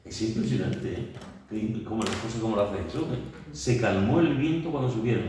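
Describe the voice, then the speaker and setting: A man with a lowish voice, speaking at a moderate pace, leads a Bible study in a church meeting room. He tells the story vividly, acting it out with shouts and sound words amid many fillers and restarts. The recording is very echoey, the mic is far off, and there's a little hiss or hum.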